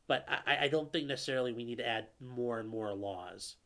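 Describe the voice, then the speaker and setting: This casual man answers live chat at a medium pitch and a slightly fast pace, his tone bright and forceful. He describes his own voice as nasally, though a viewer calls it velvety. His live-stream commentary is conversational, full of fillers and restarts as he responds to viewer questions.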